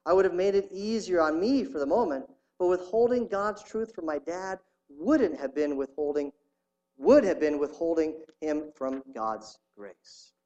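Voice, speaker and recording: A man's voice: a little high, lively intonation, a little slow, darkish tone, highs cut off. A man preaching a sermon, earnestly reading a story aloud to his congregation. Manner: reads a story aloud with rising intensity, earnest. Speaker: pastor.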